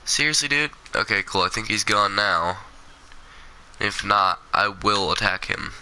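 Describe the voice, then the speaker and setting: Sick-sounding male streamer, sharp voice. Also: fairly low pitch, lively intonation, unhurried, clear, resonant tone. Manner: rambling, swears, talks back to the game. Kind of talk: casual gameplay commentary.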